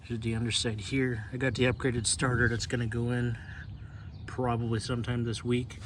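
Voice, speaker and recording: A man's voice: mid-range voice, flat delivery, normal speed, background noise. A man giving casual, rambling how-to commentary on his own repair job, with loose, self-deprecating asides. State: out of breath. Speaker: channel host.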